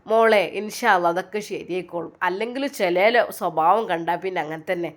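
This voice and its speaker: A woman voicing a pious older mother, speaking gently and reassuringly in a storybook tale. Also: on the low side, fairly quick, close to an everyday voice.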